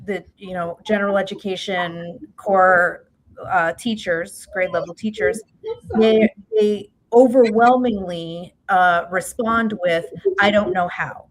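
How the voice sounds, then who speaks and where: A woman with a New York accent, a guest expert in an interview, talking in halting starts and restarts with frequent tag questions. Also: mid-range voice. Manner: halting, many fillers and restarts, "right?" tags. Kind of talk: interview conversation.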